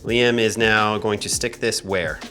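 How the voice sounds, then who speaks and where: A Canadian man hosts a filmmaking tutorial, questioning his guest in a casual, instructional chat that's upbeat and full of jokes. His voice sits lowish, steady and unhurried, with a sharp edge, over soft background music. He starts outdoors in cold wind and then moves indoors, recorded on a lavalier mic hidden in his shirt.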